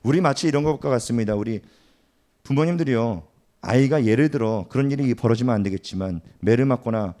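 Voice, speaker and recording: A male pastor preaching a sermon, acting out quoted voices in an animated delivery. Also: medium pitch. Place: church.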